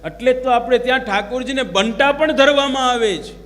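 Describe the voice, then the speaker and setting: High-voiced man preaching in a hall. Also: a little fast, fairly bright tone. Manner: storytelling with rhetorical questions. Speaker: religious preacher. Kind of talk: devotional sermon. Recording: long hall reverb with faint music.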